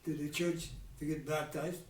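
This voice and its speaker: Speaking with a Dutch accent, a Netherlands-born man in his nineties candidly tells of his childhood, his speech full of restarts and trailing pauses. His slightly high voice is delivered flatly, captured far from the mic in a reverberant space.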